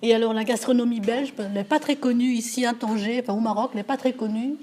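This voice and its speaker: Woman from Belgium, event organizer, interview, warm mellow voice, halting speech, many fillers. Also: fairly high pitch, fairly even intonation, slight background noise. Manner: halting, with frequent fillers and repeated words. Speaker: event agency director. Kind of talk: interview answers.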